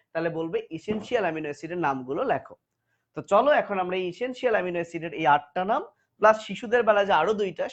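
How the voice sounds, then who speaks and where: Man drilling terms in a lo-fi lecture. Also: high voice. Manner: repeats terms over and over for students to chant back; informal, addresses students directly with warnings. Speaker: biology teacher. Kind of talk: classroom lecture with call-and-repeat drills.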